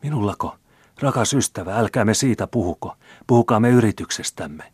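A man's voice: fairly low pitch, lively intonation, a little mellow, husky, dry recording, voice pushed up. A man reading aloud and voicing a greedy old male miser who pleads and whines in self-pity. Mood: wheedling. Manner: wheedling, self-pitying pleading.

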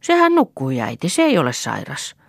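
A woman's voice: rumbling low, creaky, dry recording, studio quality, exaggerated voice. A woman doing an eager chattering little girl. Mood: excited. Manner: excited, breathless questions.

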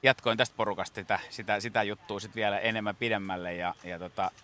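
A man's voice: lowish voice, fairly even intonation, sharp tone. A man, a guest impressionist, telling stories in a rambling way, with many fillers and restarts, in a radio studio. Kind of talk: casual interview talk.

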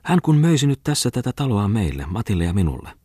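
Sly flirty farm wife as a male reader puts her on, raised husky voice, dry close sound. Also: on the low side, sing-song, warm tone, dry recording, pitched above the performer's own voice. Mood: teasing. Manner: teasing, giggly, coaxing. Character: sly flirtatious former farm mistress woman. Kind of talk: audiobook character reading.

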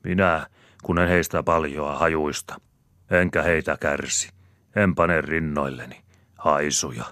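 A pushy, scheming country wife, as a male reader puts her on, pressing her point in an insistent, wheedling voice. She is pitched well above his own low voice and raised in volume. The sound stays dry and close. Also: no echo.

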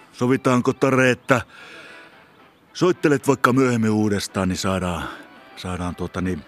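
A man playing a firm but gentle radio host, calm and measured with callers. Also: fairly low pitch. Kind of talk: scripted comedy radio acting.

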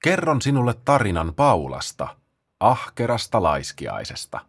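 A man reading a children's story aloud as narrator, in a playful, expressive way. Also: lowish voice.

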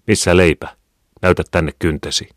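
A man reading an audiobook voices a poor, harried peasant mother who scolds loudly. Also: very deep voice, no room sound, clean studio sound. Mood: scolding. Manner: scolding, raised voice.

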